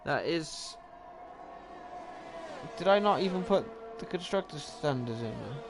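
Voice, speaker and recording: Speaking a little slowly with vocal fry, a young Welsh man in a slightly high voice commentates live on an online racing league. His chat is full of self-deprecating jokes and self-corrections, recorded over steady background noise.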